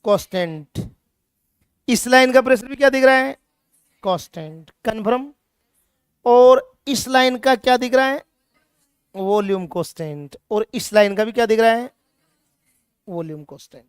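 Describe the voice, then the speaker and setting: This is a man lecturing a chemistry class with plenty of drive. His voice sits very high and rings smooth and resonant. He keeps teasing the students with rhetorical questions, and the recording is close and dry. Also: normal speed, long pauses, no room sound. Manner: energetic, scolding students playfully with rhetorical questions. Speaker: chemistry teacher.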